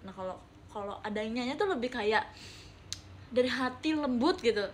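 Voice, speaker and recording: A woman's voice: fairly high pitch, normal speed, slight background noise. A young woman streaming live, chatting playfully with viewers and reading their messages, with English words mixed into her talk. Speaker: livestreamer reading viewer chat. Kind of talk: casual live-stream chat.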